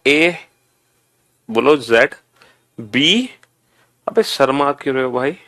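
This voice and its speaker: A man teaching an online exam-prep lesson, drilling students slowly and repetitively, calling them beta. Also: on the high side, bright, forceful tone.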